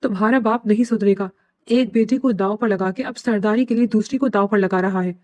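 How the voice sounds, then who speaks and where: A woman's voice: mid-range voice, a little mellow, no echo, close to an everyday voice. A woman voicing a stern older patriarch who gives curt, final orders. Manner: curt, authoritative. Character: stern older man, family patriarch, commanding.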